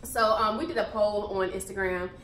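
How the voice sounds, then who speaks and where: A woman's voice: mid-range voice, steady tone, fairly quick, fairly bright tone. A woman in her twenties, co-hosting a couples channel, chatting casually while she eats. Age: 20s. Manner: laid-back, chatty, talks while eating. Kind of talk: casual mukbang chat. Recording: echoey room, a bit off-mic.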